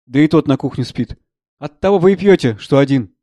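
Earnest, brooding young man in a read play, voiced by a man, plain low-key delivery, dry close mic. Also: lively intonation, brisk, mellow, no echo, lightly acted.

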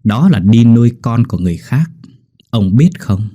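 A man's voice: on the low side, normal speed, dark tone, slightly rough. A man voicing a cold, mocking young male servant bent on revenge. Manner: cold and sneering.

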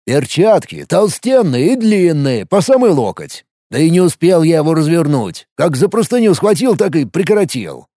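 A man voicing a gruff middle-aged male mortuary worker and former soldier who talks in a blunt, grumbling way. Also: fairly high pitch, very animated, normal speed, hardly any pauses, warm tone, no room sound, studio quality, pitched above the performer's own voice.

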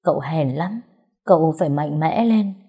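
A woman's voice: deep voice, expressive, normal speed, warm tone, husky, heavily acted. Woman voicing a sobbing young wife, pleading. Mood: grieving. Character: young wife, desperate and grieving.

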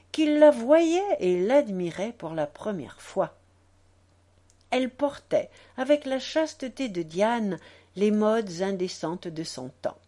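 A woman narrating a classic novel in a measured, expressive reading. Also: medium pitch. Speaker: audiobook narrator. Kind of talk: literary reading.

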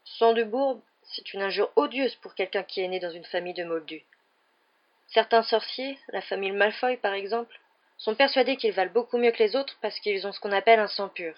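A woman voicing an indignant twelve-year-old wizard boy in a storybook reading, in a higher, heated voice, with a dull lo-fi sound. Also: a little fast, close to an everyday voice.

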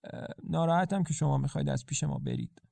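A man's voice: a little high, gravelly, mellow, no room sound. A man voicing a tired middle-aged woman innkeeper who speaks in a subdued, curt and polite way, in a storytelling podcast.

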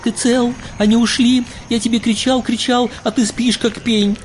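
A man voicing a frantic young male wizard who shrieks and pleads in a high voice. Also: level tone, normal speed, slight background noise. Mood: shrieking. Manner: shrill pleading yells.

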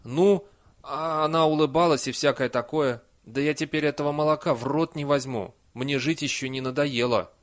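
A man reading an audiobook voices a nervous, simple peasant man who rambles loudly in rustic speech. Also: a little high, normal speed, pitched above the performer's own voice, natural voice.

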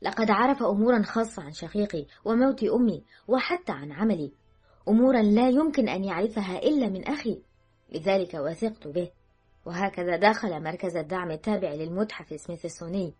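A woman's voice: mid-range voice, animated, brisk, dark tone, husky, soft background music, pitched above the performer's own voice. A woman narrator voicing a shaken, grieving woman who speaks with a trembling, emotional voice.

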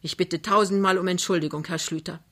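A woman voicing a fawning male store manager who bows to the customer and turns sharp with his staff, in a radio drama reading. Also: on the low side, fairly even intonation, fairly quick. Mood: curt.

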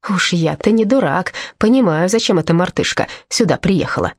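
A woman's voice: mid-range voice, sing-song, fairly quick, darkish tone, slightly rough, no echo. A woman voicing a cheeky, scheming orphan boy who teases and whispers conspiratorially in an audiobook. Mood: sinister.

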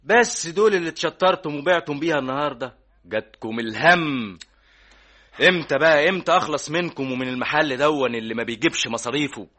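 An irritable, blustering shopkeeper. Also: male voice, lowish voice, big pitch swings, fast, bright, forceful tone, husky, full character voice. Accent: Egyptian Arabic. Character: proud irritable shop-owner Fawzi. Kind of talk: 1960s radio drama acting.

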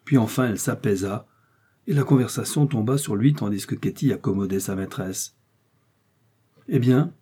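Man, audiobook narrator, dark husky voice, measured reading. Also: on the low side.

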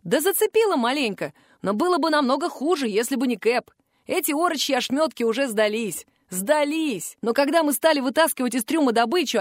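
A woman voicing a rough male pirate sailor who talks in an offhand, boastful way. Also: fairly high pitch, dry recording, clean studio sound, natural voice.

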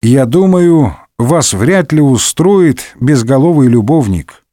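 A hot-headed young swordsman wails and bristles with melodramatic indignation, played by a man reading the story. The voice leaps about in animated rises, recorded close and dry. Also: medium pitch, slow, dry recording. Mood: indignant. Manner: wailing, indignant outbursts.

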